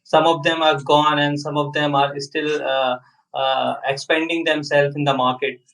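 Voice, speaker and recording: A man hosting a podcast interview who speaks haltingly and fills his sentences with "like" and "uh.". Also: a little high, flat delivery, a bit bright, distant mic, low-quality recording. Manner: halting, heavy use of "like" and "uh".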